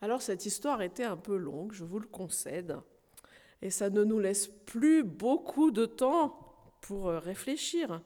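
Woman preacher, slow lively storybook reading, long hall reverb. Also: mid-range voice.

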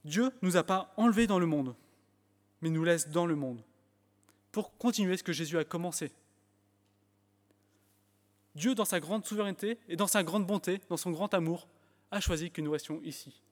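A high-pitched man preaches at normal speed, leaving long pauses, in French with an English accent. He is emphatic at times and restarts phrases with fillers. The recording carries the long reverb of a church hall.

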